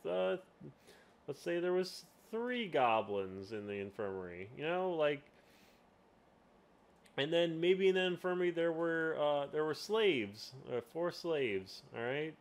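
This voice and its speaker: This game master and channel host speaks at a fairly high pitch, very animated but a little slow. Running a casual tutorial, he rambles along with plenty of fillers and restarts.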